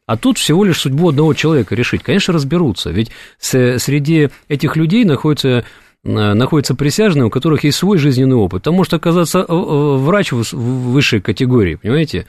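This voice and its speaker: A man's voice: medium pitch, very animated, fast, darkish tone, dry recording. Hesitant man, radio studio guest. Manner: hesitant, many fillers and restarts. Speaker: studio guest, legal commentator. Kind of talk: radio discussion. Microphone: studio microphone.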